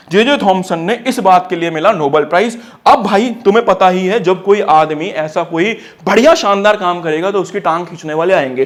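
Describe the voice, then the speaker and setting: Playful teacher dude, highish voice, slangy, keeps quizzing the kids. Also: male voice. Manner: playful, slangy, keeps quizzing the students and calls them brother. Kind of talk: energetic classroom lesson.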